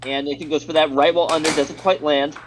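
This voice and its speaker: A man's voice: on the high side, little pitch movement, brisk, a little hiss or hum. An American man doing live play-by-play commentary on a stream, reading viewer chat aloud between plays in an upbeat way.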